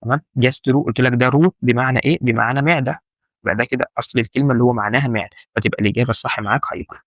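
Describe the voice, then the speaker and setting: Fast-talking Egyptian man teaching. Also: medium pitch, fairly bright tone, no echo, dull audio. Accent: Egyptian Arabic. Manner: colloquial, repeats key points and asks the listener questions. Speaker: medical terminology instructor. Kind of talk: informal explanatory lesson.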